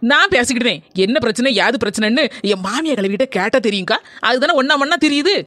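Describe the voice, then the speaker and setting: A woman's voice: fairly high pitch, expressive, fast talker, fairly bright tone, no echo. A woman voicing a chatty young wife who complains about her mother-in-law, with a Kanyakumari Tamil accent. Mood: grumbling.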